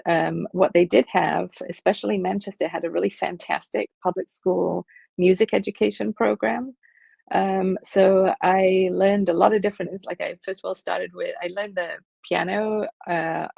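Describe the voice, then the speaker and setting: Gravelly, husky middle-aged Liverpool woman. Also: on the low side, darkish tone, no room sound. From England. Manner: thoughtful, pauses with many ums. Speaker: professor, guest. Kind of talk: conversational interview.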